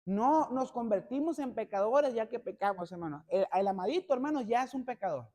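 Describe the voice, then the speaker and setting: A male pastor preaching a sermon, constantly addressing the congregation as brothers and building to loud, emphatic passages. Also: very high-pitched, lively intonation, brisk. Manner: peppers every phrase with "hermanos".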